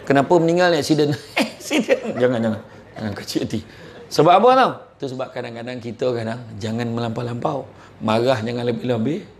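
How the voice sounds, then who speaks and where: A man giving a live motivational talk, telling religious stories and anecdotes in an animated, colloquial and joking way. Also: mid-range voice, quick pace, gravelly. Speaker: motivational speaker.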